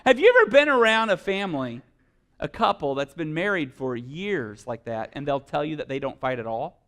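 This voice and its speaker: A male pastor preaching a sermon, animated and playful, acting out little scenes and asking the congregation questions. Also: fairly high pitch, normal speed.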